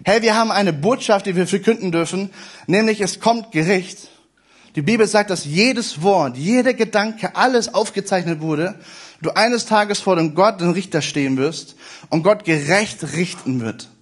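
High-voiced emphatic male preacher. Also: normal speed, slightly rough. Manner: emphatic, repeats phrases for stress. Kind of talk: sermon.

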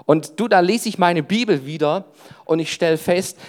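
Male preacher, family man, youth sermon, punchy and direct, peppered with "hey", sinks his voice low for inner thoughts. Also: moderate pace. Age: adult with wife and children. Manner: emphatic, often breaks in with "hey". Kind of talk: sermon to young people.

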